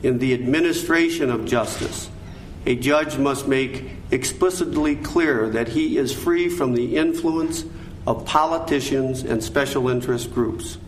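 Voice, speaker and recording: An older American man speaking in a measured, earnest and formal way, as a candidate at a forum. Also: medium pitch. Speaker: judicial candidate, attorney. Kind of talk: formal prepared statements and answers at a candidate forum. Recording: echoey room, background noise.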